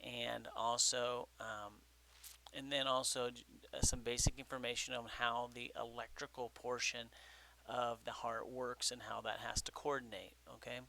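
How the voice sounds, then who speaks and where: Gravelly-voiced man teaching a lecture. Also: medium pitch, level tone, bright, forceful tone, a little hiss or hum. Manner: halting, filler-heavy explaining with frequent okay checks. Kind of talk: recorded classroom lecture.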